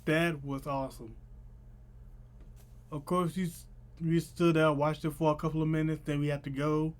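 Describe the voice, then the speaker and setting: A man's voice: fairly high pitch, flat delivery, moderate pace. A young man with a lisp that slurs his s toward sh, chatting casually to camera as he tells a story in informal, slangy speech. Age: young adult. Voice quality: lisp with slushy sh-like s sounds. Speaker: vlogger. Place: small room at home.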